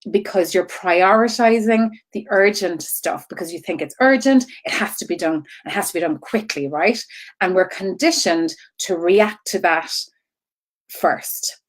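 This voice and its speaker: A woman's voice: lowish voice, moderate pace. A woman coaching in an informal live-stream style, rambling off on tangents and circling back, repeating herself and checking in with listeners as she goes. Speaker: online business coach.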